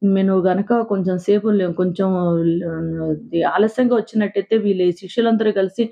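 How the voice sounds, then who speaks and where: A woman voicing a patient, gentle elderly male teacher who explains things mildly, on a tinny phone-like recording. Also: medium pitch, fairly even intonation, normal speed, close to an everyday voice. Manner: pleading then mild and explaining.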